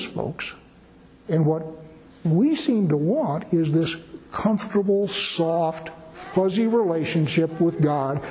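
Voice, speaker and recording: A man's voice: fairly high pitch, dark tone, big-room sound, rough recording. A man giving blunt, emphatic preaching commentary, driving his points home with repeated phrases.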